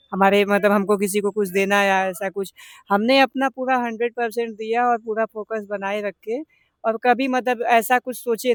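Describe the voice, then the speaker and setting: A man's voice: high-pitched, a bit bright, clean tone, dry recording, studio quality. A young man with a Banaras Hindi accent, answering interview questions earnestly, rambling with many fillers. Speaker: interviewed business owner.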